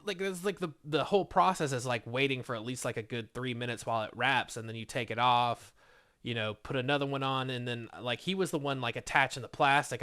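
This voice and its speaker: A man's voice: on the high side, a bit bright. A young man casually telling a work story, rambling and swearing, with "dude" and "like" in every line. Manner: rambling, profane, full of "dude" and "like". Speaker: vlogger.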